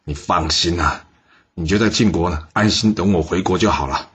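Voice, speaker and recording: A man's voice: deep voice, normal speed, a bit bright, husky, dull audio, full character voice. A man voicing an overconfident envoy who brushes off a warning, in an audio story. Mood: breezy. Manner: breezy, dismissive.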